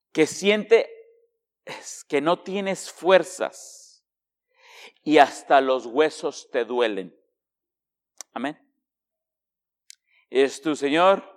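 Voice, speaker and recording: A man preaching a sermon as a pastor. He asks the congregation direct questions and swings between hushed, slow passages and raised, emphatic ones. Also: high-pitched, long reverb tail.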